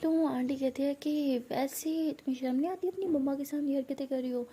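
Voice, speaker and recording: A woman narrating a romantic story and voicing its characters in a soft, partly whispered manner. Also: high voice, brisk, a little hiss or hum.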